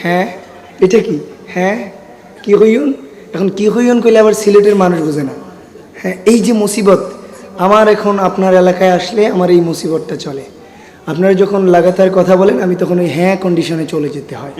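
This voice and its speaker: A man's voice: sits high, moderate pace, darkish tone. A man from Sylhet, Bangladesh preaching a sermon to a large gathering. He rouses the crowd, calls for their responses and jokes with them, and his throat sounds strained. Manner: jokes with the audience. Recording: long hall reverb.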